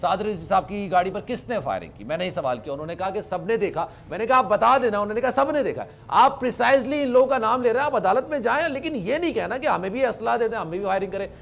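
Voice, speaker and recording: A man's voice: high-pitched, animated, quick pace, vocal fry, hardly any pauses, a bit bright. A male television anchor moderating a political debate, persistently steering the guests back to the topic with polite interjections.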